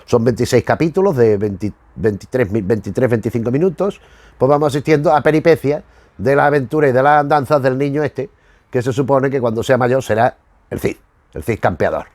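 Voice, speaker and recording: In a very dry recording with no echo, a man who reviews retro cartoons on YouTube talks casually, wandering off on tangents and rephrasing himself in search of the right words. His voice is average in pitch, a little mellow and fairly quick.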